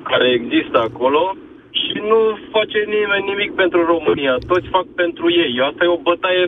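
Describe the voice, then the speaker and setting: A man's voice: sits high, expressive. Hesitant male caller from a car. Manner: hesitant, many fillers. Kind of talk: call-in political opinion. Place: driving in a car in city traffic. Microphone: hands-free phone. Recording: tinny phone line with car noise.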